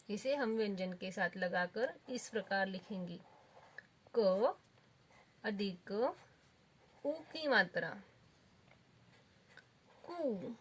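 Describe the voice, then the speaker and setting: A woman teaching young children, her voice a little high. She talks very slowly and patiently and sounds out each syllable with care. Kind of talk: children's lesson.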